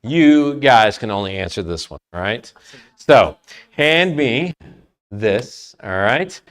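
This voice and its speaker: A man runs a trivia game for a youth group, and his voice swings up and down as he talks. He is playful and easygoing, and he gets loud when he wants the room's attention. His pitch sits in the middle of the range. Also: slow pace. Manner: playful, lively, loud at times.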